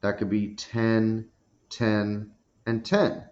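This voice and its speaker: Male math teacher, lowish voice, muffled lo-fi audio, patient step-by-step explaining. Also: little pitch movement, very slow, a little mellow. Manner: explains step by step, checks in with "okay?". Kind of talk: recorded math lesson. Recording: dull lo-fi recording.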